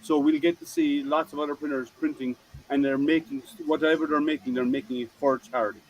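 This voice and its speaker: A man's voice: a little high, fairly even intonation, fairly quick, lo-fi sound, slight background noise. A man hosting a casual livestream hangout, chatty and rambling, often restarting his sentences as he greets viewers. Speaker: host.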